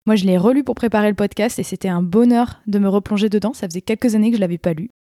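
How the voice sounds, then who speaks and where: A woman's voice: medium pitch, very fast, dark tone, no room sound, clean studio sound. A woman hosting a casual book and writing podcast, chatty with frequent hesitations. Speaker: podcast host.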